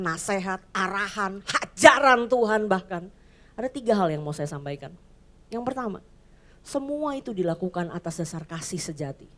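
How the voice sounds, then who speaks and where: A woman pastor giving a sermon in church, chatty and lively, often acting out little voices. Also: medium pitch. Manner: lively, conversational, acts out voices.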